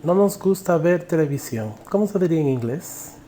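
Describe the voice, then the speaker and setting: A man teaching an English grammar class in a recorded online lesson. He asks the viewer questions and then says each English example sentence slowly and carefully. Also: a little high, lively intonation, warm tone, a little hiss or hum.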